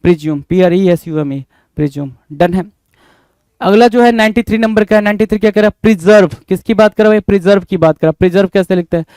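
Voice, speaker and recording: Indian male spelling tutor, high clear voice, dry close sound, spells letter by letter, asks and answers himself. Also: quick pace, darkish tone, dry recording. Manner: calls listeners "bhai" often. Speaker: English spelling teacher. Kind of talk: online exam-prep lesson.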